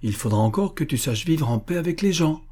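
A man's voice: fairly high pitch, animated, brisk, warm tone, slightly rough, voice pushed up. A man voicing a stern but kind young tutor, speaking with firm, patient reproach.

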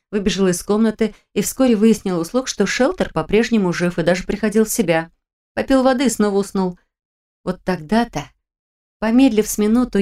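A woman reading a first-person fantasy audiobook in a measured, expressive way. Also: fairly low pitch. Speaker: audiobook narrator.

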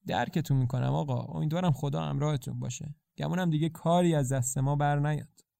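A man's voice: fairly high pitch, fairly even intonation, vocal fry, dark tone, dry recording, clean studio sound. A man voicing a tired middle-aged woman innkeeper who speaks in a subdued, curt and polite way, in a storytelling podcast.

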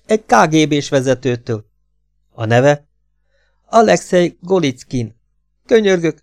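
A man voicing an excitable, vain middle-aged male Russian violinist who pleads and protests in a raised, high-pitched voice. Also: no echo, clean studio sound, faint music behind. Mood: pleading.

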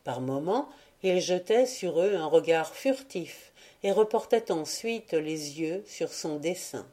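Woman reading an old story out loud, kinda low and warm, calm steady telling. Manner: measured storytelling, voicing characters lightly. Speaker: audiobook reader. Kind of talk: scripted narration of a classic tale.

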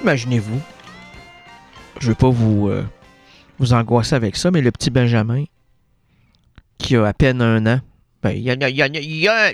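A man's voice: medium pitch, gravelly, a bit bright, no echo, studio quality. A man with a Québécois accent, hosting an absurd comedy monologue on the radio and rambling along as he interrupts himself. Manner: rambling, self-interrupting, talks back to himself. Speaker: radio host. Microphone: radio studio microphone.

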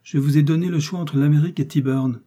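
A man's voice: fairly high pitch, steady tone, fast talker, dark tone, pitched above the performer's own voice, close to an everyday voice. A man reading aloud and voicing a baron who speaks in a mocking, scornful tone. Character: mocking, contemptuous older baron.

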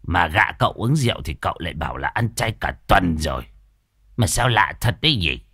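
A man's voice: deep voice, very animated, fairly quick, bright, forceful tone, slightly rough, dry recording, clean studio sound, voice pushed down, exaggerated voice. A man voicing a greedy, scrawny old village coffin maker who grumbles and brags. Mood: puzzled. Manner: grumbling, boastful, swings from muttering to shrieks.

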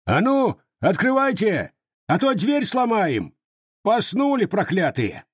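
A man reading the part of a rough Cossack soldier who bullies and shouts in a raised voice. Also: high voice, sing-song, normal speed, no room sound, studio quality, pitched above the performer's own voice. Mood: bullying. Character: rough frozen Cossack soldier, loud and bullying.

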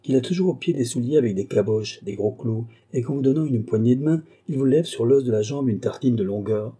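A man's voice: medium pitch, brisk, mellow, breathy edge, natural voice. A man voicing a coarse, boastful male carter gossiping in a crowd, in an audiobook reading.

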